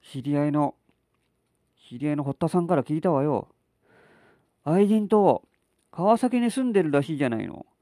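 A man doing a weary scolding housewife, high. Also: expressive, normal speed, long pauses, dark tone, dry recording, clean studio sound. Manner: scolding then frantic. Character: weary, put-upon wife and mother.

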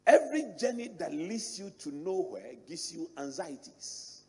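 A middle-aged man with an African accent, preaching a sermon as a bishop in animated storytelling fashion. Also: a little high, unhurried, husky. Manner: animated storytelling preacher, repeats and restarts words. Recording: long reverb of a large hall.

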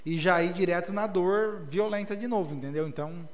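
A man's voice: high voice, fairly quick, a loud crowd. A man co-hosting a casual business podcast, talking emphatically with slang. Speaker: podcast co-host.

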